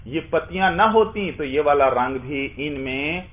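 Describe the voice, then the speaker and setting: A man's voice: on the high side, lively intonation. A man teaching a class, explaining step by step and asking his students questions that he then answers himself. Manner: explains with repeated questions and answers, often adds "bhai". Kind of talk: classroom lecture. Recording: tinny phone-like sound.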